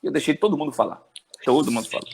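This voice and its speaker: A sports journalist in his forties from Brazil, telling his story in an interview with animated swings in pitch. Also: racing, gravelly, a little hiss or hum. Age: 40s.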